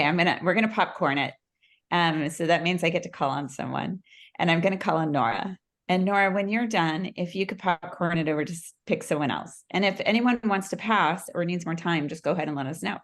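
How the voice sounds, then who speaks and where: A woman with a low voice leads an informal group session as facilitator. She speaks haltingly, thinking aloud while she lays out the next step. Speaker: workshop facilitator.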